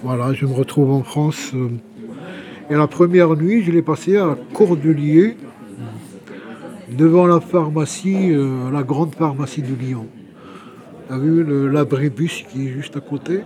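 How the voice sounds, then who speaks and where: Here his voice sounds mellow, fairly high-pitched, and a little slow. The man is an exiled Algerian journalist of Kabyle background, in his 60s and homeless, interviewed about his life. He speaks in a relaxed, conversational way, repeating words while searching for the next one.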